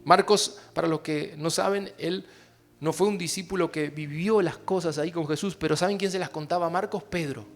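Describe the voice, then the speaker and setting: A man preaching a sermon in an Argentine Spanish accent, addressing the congregation directly and moving between hushed and loud, impassioned passages. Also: on the high side, moderate pace, faint music behind. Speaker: pastor.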